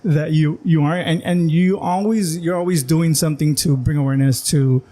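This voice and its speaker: A male podcast host with a fairly high, mellow voice. He frames his questions haltingly, circling back with ums and restarts before he gets to the point. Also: steady tone. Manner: hesitant, halting, many fillers. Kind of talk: casual interview chat.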